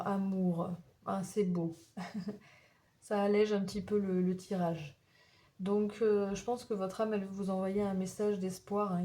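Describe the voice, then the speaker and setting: Gentle, halting woman reading oracle cards. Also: mid-range voice. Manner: halting, searching for words as she goes; gentle and encouraging. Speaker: oracle card reader. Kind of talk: spiritual card reading to viewers.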